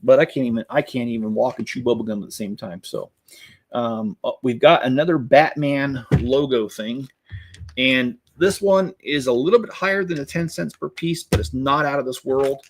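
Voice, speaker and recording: A Lego channel host with a mid-range voice talks at normal speed. He chats casually and a bit sarcastically in his vlog while building and weighing up new sets.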